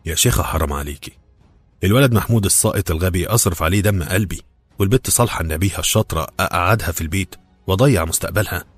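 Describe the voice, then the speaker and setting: A man voicing an anxious Cairene housewife who coaxes and apologizes quickly, speaking with an Egyptian accent. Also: low-pitched, breathy edge, soft background music. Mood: pleading. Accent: Egyptian Arabic. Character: pleading Cairene housewife, anxious to help her family.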